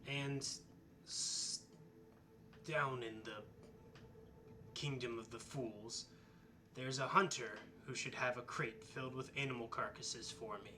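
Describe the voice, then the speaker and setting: A man's voice: medium pitch, fairly even intonation, close to an everyday voice. A man voicing a cold, impatient old female hag in a tabletop game, curt and demanding. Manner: curt, demanding, slow and deliberate. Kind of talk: tabletop role-play voicing.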